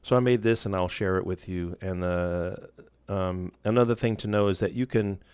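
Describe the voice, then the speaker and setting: A man walking through a software tool in a casual screen-share tutorial, loose and relaxed, with many fillers and restarts. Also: low-pitched, normal speed, clean tone, no echo. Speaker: instructor.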